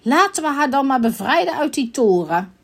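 A woman voicing a grumpy male storybook creature who always says no, in a gruff, contrary way. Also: high voice, sing-song, normal speed.

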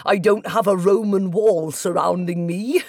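A woman's voice: lowish voice, fairly even intonation, a little slow, a little mellow, no room sound, clean studio sound. A woman voicing a fresh-faced young male constable with a broad Welsh accent, easygoing and cheeky.

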